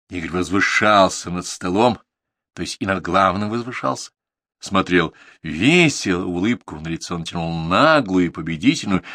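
A man narrating a novel as an audiobook, reading in an expressive storytelling manner. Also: low voice, no room sound, clean studio sound. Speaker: audiobook reader. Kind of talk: scripted narration.

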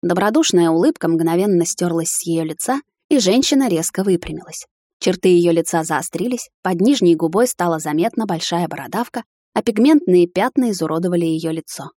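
Woman narrating a story, low-ish voice, calm and measured, dry close sound. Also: no room sound. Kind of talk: first-person storybook narration.

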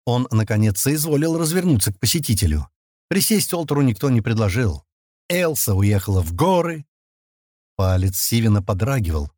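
A man narrating a fantasy audiobook in a measured, expressive reading. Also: lowish voice, dry recording, clean studio sound.

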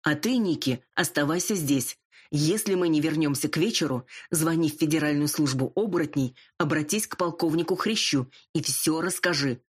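Lady doing a bossy old dragon mom, husky, slow, scolding and ordering. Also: low voice. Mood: commanding. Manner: commanding, scolding. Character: domineering older dragon mother, fierce.

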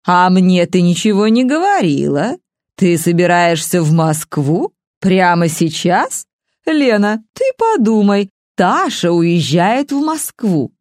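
A woman's voice: on the low side, big pitch swings, slow, a little mellow, no room sound, studio quality. Woman reading as a commanding, unshakable old lady.

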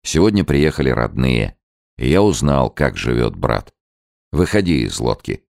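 A man's voice: extremely low pitch, big pitch swings, unhurried, creaky, a little mellow, dry recording, clean studio sound, heavily acted. A man reading a blunt, stern hunter. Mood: demanding. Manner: blunt and demanding. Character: stern young male hunter, wronged.

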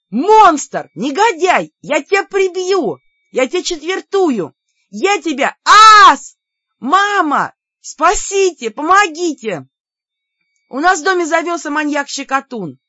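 A woman voicing a feisty young heroine who yells and shrieks her lines in an audiobook. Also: extremely high pitch, big pitch swings, slow pace, dry recording, dull audio, pitched above the performer's own voice, heavily acted. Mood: shrieking. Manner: shrieking, loud exclamations. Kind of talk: audiobook character voice.

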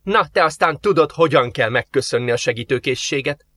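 A man's voice: fairly high pitch, bright, forceful tone, voice pushed up. A man voicing a cheeky chatty young woman. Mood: teasing. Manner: chatty, teasing, quick retorts. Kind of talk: audiobook character voice.

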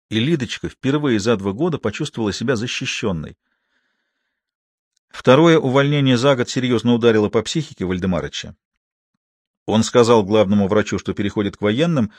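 A man narrating a first-person story in a steady, wry manner. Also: mid-range voice, no room sound. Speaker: audiobook narrator.

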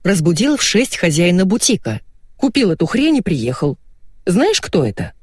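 Woman voicing a boastful, pushy rich man, audiobook, lively pitch, dry sound. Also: moderate pace, breathy edge, no echo, exaggerated voice. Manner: boastful, insistent. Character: brash, pushy rich middle-aged man.

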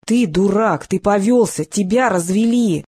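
Cold bespectacled male interrogator, mocking and relentless, as a reader puts him on, in a dark, husky, dry voice. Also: mid-range voice, unhurried. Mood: shouting. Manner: cold, needling, shouting when pressing. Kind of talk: audiobook character reading.

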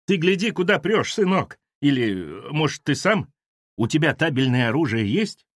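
A man voicing a coarse, bossy older woman who manages a building and screeches and scolds in a tearful high voice. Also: very animated, normal speed, no room sound, clean studio sound. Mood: tearful scolding.

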